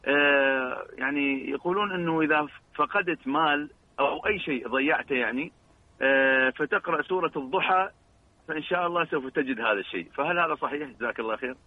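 A man's voice: a little high, quick pace. A man calling in by phone with religious questions, polite and deferential toward the sheikh. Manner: polite, deferential, many blessings. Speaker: caller. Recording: tinny phone line.

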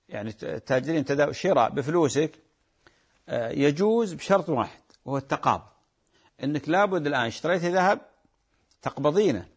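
A man's voice: on the high side, slightly rough. A man with a Gulf Arabic accent, an Islamic scholar answering callers' religious questions in a patient, explanatory way that repeats key points. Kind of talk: religious call-in Q&A.

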